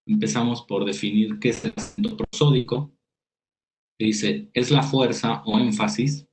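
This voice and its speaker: The recording is low quality: a man with a lowish voice and a Mexican Spanish accent teaches a writing workshop over slides. He reads definitions aloud, gives examples to explain them, and now and then restarts a sentence.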